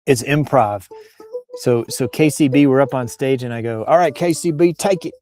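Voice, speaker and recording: This host has a medium-pitched, somewhat dark voice and talks at an ordinary speed. He reads social media posts aloud in a casual, off-the-cuff comic manner, drifting into playful asides.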